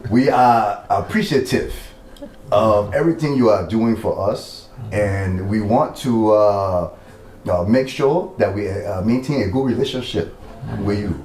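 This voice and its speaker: A man puts on a Liberian accent as a courteous interviewee. His voice is on the low side and his delivery slow and deliberate. The room echoes, with some noise behind him. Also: a little mellow, close to an everyday voice. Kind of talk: accent demonstration, formal thanks.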